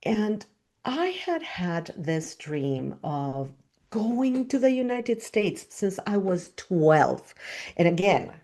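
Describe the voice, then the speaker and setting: A middle-aged woman from Argentina, a spiritual teacher telling a personal story in an expressive, emphatic way. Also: on the low side, takes it slowly.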